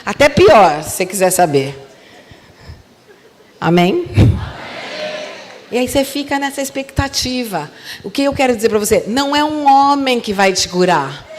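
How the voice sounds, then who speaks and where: A woman pastor with a Brazilian Portuguese accent preaching a sermon in church. She talks emphatically, moves between loud exhortation and soft asides, and calls on the congregation to repeat after her. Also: on the high side, sing-song, normal speed, pauses often, some chatter behind, a little hiss or hum. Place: church sanctuary. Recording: long church-hall reverb.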